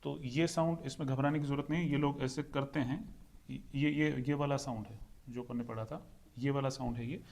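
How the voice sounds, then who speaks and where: A man's voice: medium pitch, steady tone, fairly quick, gravelly, darkish tone. A young adult man from India with an Indian accent, explaining English pronunciation step by step in an exam-prep lesson and repeating his points. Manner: repeats points, walks through a question step by step. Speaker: English teacher.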